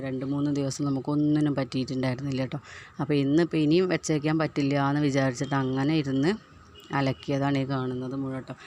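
Fast-chatting homemaker woman narrating chores. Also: rumbling low, darkish tone, slight background noise. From Kerala, India. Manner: chatty, keeps adding the tag "you know?" to her sentences. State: recovering from a tooth extraction. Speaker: housewife vlogger. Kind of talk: casual voice-over narrating daily chores.

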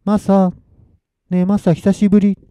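A man's voice: high voice, completely flat delivery, a little slow, dark tone, clean tone, no echo, clean studio sound, pitched above the performer's own voice. A man voicing the ghost of a nineteen-year-old girl, with a sweet, slightly nasal, clingy and pleading voice.

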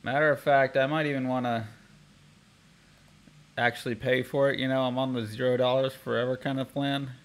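A man vlogging casually, thinking aloud while testing software, rambling with restarts. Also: medium pitch, little pitch movement, moderate pace, long pauses. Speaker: tech vlogger.

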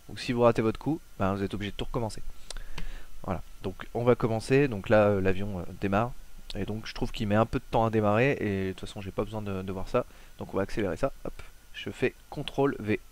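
Lowish-voiced man, hesitant tutorial narrator. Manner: relaxed, hesitant with frequent "euh" fillers; talks viewers through steps directly. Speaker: tutorial host. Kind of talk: casual screen-recording tutorial.

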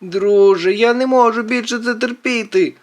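A man's voice: mid-range voice, sing-song, a little slow, a bit bright. A man voicing a brainy, fussy teenage boy. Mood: alarmed. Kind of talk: audiobook character voice.

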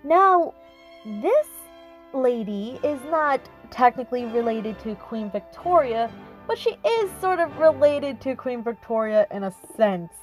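A woman's voice: high-pitched, big pitch swings, measured pace, faint music behind, low-quality recording. Chatty woman narrating her speed art. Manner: chatty, with frequent self-corrections. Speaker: YouTube artist and channel host.

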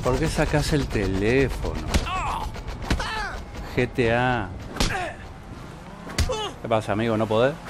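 A man with a Rioplatense accent giving excitable, mocking gameplay commentary and swearing often. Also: medium pitch, slow, pauses often, heavy background noise. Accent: Rioplatense Spanish. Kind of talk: casual let's-play commentary. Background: game music and gunfire.

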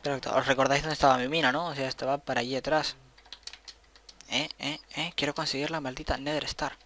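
A man giving casual, excitable let's-play commentary, thinking aloud as he plays. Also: medium pitch, quick pace, a little hiss or hum. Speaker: gameplay commentator.

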